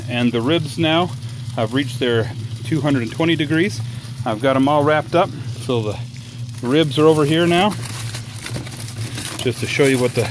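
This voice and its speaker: A man talking casually to the camera about his cooking at home outdoors, relaxed and enthusiastic, with frequent fillers. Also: on the high side, noisy background. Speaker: home cook reviewing his new smoker.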